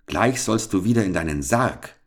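A man's voice: low-pitched, expressive, moderate pace. A man voicing a fearless, cheeky young lad in a read-aloud fairy tale, sounding carefree and cocky. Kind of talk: storybook reading.

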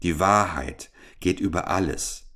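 A man voices a bold young male hero in an old storybook, firm and earnest. His voice is deep and steady. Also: a little slow. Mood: defiant. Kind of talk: audiobook character reading.

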